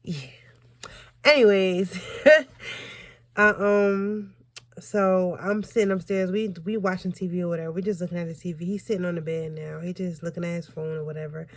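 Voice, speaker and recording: Young woman telling an animated, slangy story. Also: on the low side, moderate pace, dry recording, clean studio sound. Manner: animated, slangy, profane, conversational; acts out quoted dialogue. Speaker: storytelling vlogger. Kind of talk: casual personal storytime.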